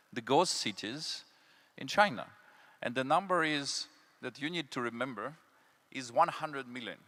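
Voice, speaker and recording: A middle-aged man with a French-sounding accent addresses a conference panel in a bright, forward voice. He builds his points step by step and leans on fillers between thoughts. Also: medium pitch. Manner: speaks with a slide presentation, many fillers. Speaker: panel speaker, consultant. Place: conference hall.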